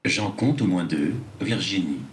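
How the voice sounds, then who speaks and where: A man's voice: low voice, expressive, measured pace. A man's synthetic text-to-speech voice reading prepared interview answers. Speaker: interview guest. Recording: echoey room sound with faint noise.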